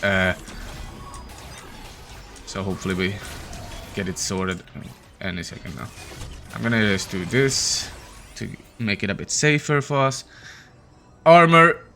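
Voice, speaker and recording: A man hosting a gaming channel, giving casual, tired, low-energy commentary as he thinks aloud while playing. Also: steady tone, a little slow, creaky, pauses often, bright, forceful tone, faint music behind. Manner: opens with a put-on peppy intro voice.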